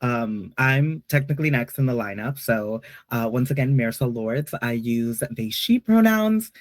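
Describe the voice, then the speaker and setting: A chatty man from Peru hosts a casual online panel. He jokes around and hedges with frequent "um"s, speaking at a middle pitch. The sound is dry and close. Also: lively intonation, moderate pace, no room sound. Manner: playful, chatty, hesitant fillers. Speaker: panel moderator.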